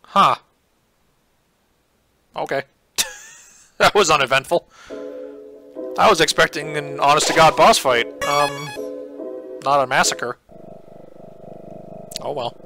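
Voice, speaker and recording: A man's voice: a little high, slow, long pauses. A man giving casual, rambling let's play commentary as a gaming YouTuber, laughing at the game. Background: game music.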